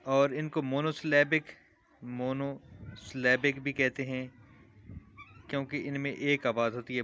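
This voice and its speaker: Patient male teacher explaining slowly. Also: medium pitch, bright, forceful tone, a little hiss or hum. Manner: patient, repeats examples slowly. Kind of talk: classroom lesson explanation.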